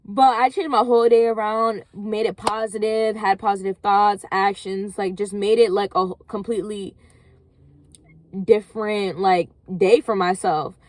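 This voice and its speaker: A woman's voice: mid-range voice, steady tone, unhurried. Young woman, rambling encouragement. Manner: rambling, heavy use of "like", encouraging. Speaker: vlogger. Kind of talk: casual motivational talk.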